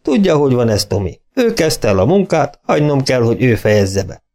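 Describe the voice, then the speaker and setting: Audiobook: man reading a cool, matter-of-fact vet. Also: mid-range voice. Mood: calm. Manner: calm, level, matter-of-fact. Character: calm, unhurried country vet, grown man.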